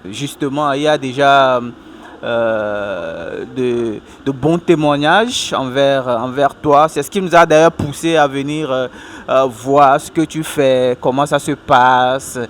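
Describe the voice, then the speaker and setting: A man hosting a casual outdoor interview at a food stall, speaking in a lively, upbeat way. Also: mid-range voice, takes it slowly, slight background noise. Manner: lively and upbeat, laughs easily. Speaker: interviewer and show host.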